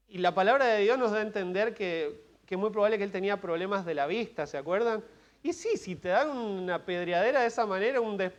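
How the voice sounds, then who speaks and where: A man's voice: high voice, lo-fi sound. A man with an Argentine accent preaching an expository sermon at a church service, conversational, with humorous asides and questions to the congregation. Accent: Argentine Spanish. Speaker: pastor.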